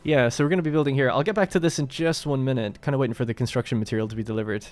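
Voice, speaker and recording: A man's voice: medium pitch, rapid-fire, a little mellow. A man hosting a let's play, talking casually and thinking aloud as he plays a strategy game. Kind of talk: gameplay commentary.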